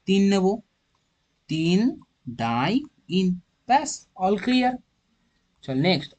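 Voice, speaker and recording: A man with a Bengali accent explaining organic chemistry naming, thinking aloud and counting carbon atoms step by step. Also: high voice. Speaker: chemistry teacher. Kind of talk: informal classroom lesson.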